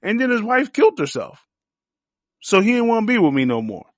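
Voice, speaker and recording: A man's voice: high-pitched, sing-song, a little fast, no room sound, clean studio sound, voice pushed up. A man voicing a young woman casually explaining her past to a date.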